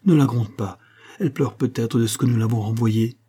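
A man's voice: medium pitch, brisk, dark tone, husky, natural voice. A man reading aloud, voicing a frantic mother searching for her lost daughter with anguished cries. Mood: worried.

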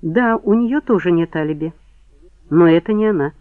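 A man reading the part of a sharp woman who questions her lover in cool, cutting lines. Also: sits high, normal speed, clean tone, no echo, close to an everyday voice. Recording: tinny phone-like band, dry.

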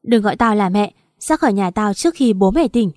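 A woman's voice: medium pitch, expressive, brisk, darkish tone, dry recording, studio quality, natural voice. A woman reading a shamed, scolding mother. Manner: reproachful, scolding. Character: gentle older mother, shamed and angry.

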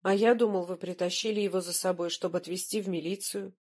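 A woman's voice: fairly low pitch, fairly even intonation, quick pace, a little mellow, close to an everyday voice. A woman reading an audiobook, voicing a timid middle-aged male journalist who speaks hesitantly. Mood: meek.

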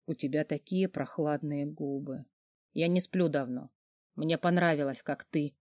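A woman reading an audiobook, voicing a feverish, sarcastic, crude hulking man in a low, hoarse, husky voice with a gruff, mocking manner. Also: unhurried, a little mellow, no echo, clean studio sound. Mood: weary. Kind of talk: audiobook character voice.

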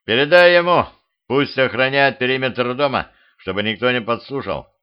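A man voicing a heavyset male hypnotist who gives orders loudly. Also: mid-range voice, moderate pace, clear, resonant tone, lightly acted. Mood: commanding. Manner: loud and commanding. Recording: dull lo-fi home recording.

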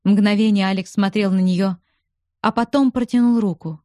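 Calm woman narrating an audiobook. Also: medium pitch, normal speed, dry recording, studio quality.

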